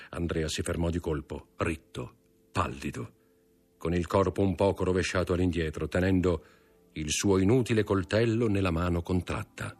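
A man reading a classic novel aloud as an audiobook narrator, with lively, expressive delivery. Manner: lively, expressive reading that raises pitch for quoted speech.

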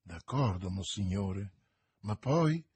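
A man's voice: fairly low pitch, lively intonation, takes it slowly, darkish tone, slightly rough, dry recording, exaggerated voice. A man voicing a cunning, vengeful noblewoman in an audiobook, speaking insistently and vehemently. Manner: insistent, vehement, raised intense delivery. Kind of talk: audiobook character reading.

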